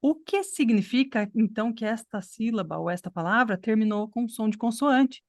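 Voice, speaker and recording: A woman's voice: fairly high pitch, moderate pace, darkish tone, no echo, studio quality. A woman from Brazil teaching an online English class, explaining patiently and checking in with her students. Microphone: computer mic on video call.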